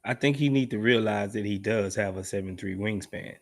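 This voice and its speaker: Slangy, animated podcast host, man. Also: lowish voice, brisk. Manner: animated, slangy, keeps asking "you know what I'm saying". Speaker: podcast host reading viewer comments. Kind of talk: casual post-game chat.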